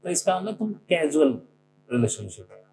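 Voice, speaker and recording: Gravelly-voiced man giving a spiritual talk. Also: a little high, normal speed. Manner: conversational, leans on examples from his own life; often mimics what others said. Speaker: spiritual speaker. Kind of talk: informal spiritual discourse. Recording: noisy recording with a steady hum.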